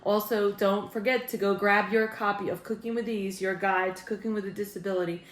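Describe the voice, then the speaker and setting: A woman's voice: medium pitch, fairly even intonation, fairly quick, echoey room. A woman hosting her own cooking channel, chatting upbeat and casual through a demonstration and often calling viewers "guys".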